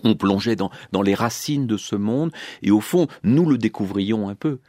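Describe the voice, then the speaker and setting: A man, a comics writer answering in an interview, telling the story of his work calmly and fluently. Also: lowish voice, normal speed, no room sound, clean studio sound.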